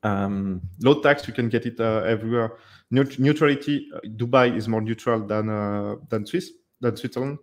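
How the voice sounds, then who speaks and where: Answering viewers' questions on a livestream, this thirty-something host speaks at a moderate pace in a mid-range voice, often using fillers and starting over. The setting is a dimly lit room indoors, with webcam framing and a headset or desk microphone.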